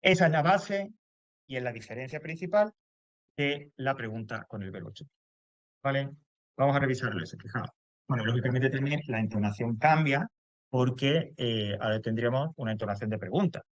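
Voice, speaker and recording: A man's voice: medium pitch, a little fast, dry recording, muffled recording. A man teaching English grammar to a class, explaining step by step and checking in often.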